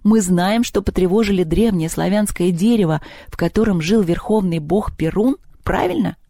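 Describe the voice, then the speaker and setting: Narrator doing a nervous pedantic schoolboy, storybook audiobook, formal, mellow, dry. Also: medium pitch, moderate pace, vocal fry, no echo.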